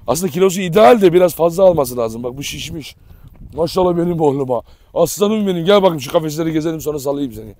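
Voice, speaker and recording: A fast-talking man with a slightly high, expressive voice gives casual commentary while handling dogs on his farm. Barking fills the background as he chats warmly with viewers and shouts commands at the dogs.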